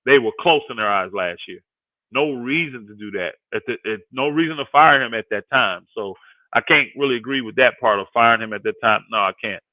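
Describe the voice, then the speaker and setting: A little fast and mid-range in pitch, this fifty-year-old man is a guest co-host and sports commentator on a live panel. He talks sports in a casual, emphatic way, often repeating phrases for emphasis, with no echo and thin, phone-like audio.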